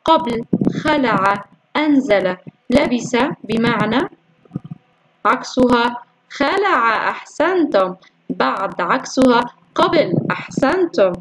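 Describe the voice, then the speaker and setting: A woman teacher going through workbook exercises for young pupils, praising often and slowly drawing out syllables as she sounds words out. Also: on the high side, expressive, slightly rough, rough recording. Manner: slow, drawn-out syllables when sounding out words. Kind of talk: recorded classroom lesson.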